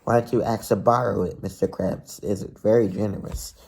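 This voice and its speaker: A cheerful, eager young sea sponge, as a man reading a storybook puts him on, friendly and keen. It comes through in a low, gravelly voice with a mellow tone. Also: steady tone, normal speed.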